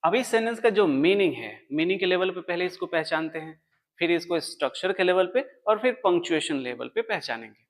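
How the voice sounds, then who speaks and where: A man's voice: sits high, expressive, a little fast. A man teaching an English grammar lesson, explaining step by step and answering his own questions. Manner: writes on a board while explaining.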